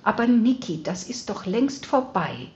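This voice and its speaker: A woman's voice: mid-range voice, very animated, a little slow, a little mellow, slight background noise, pitched above the performer's own voice. A woman voicing a worried, fussing elderly mother who talks in a fretful, insistent way, on slightly dull audio.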